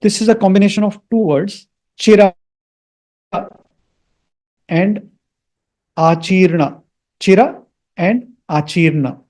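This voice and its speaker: A man's voice: high voice, slow, long pauses, a little mellow. A man teaching Sanskrit mantras, with an Indian accent, patiently repeating words and checking that listeners follow.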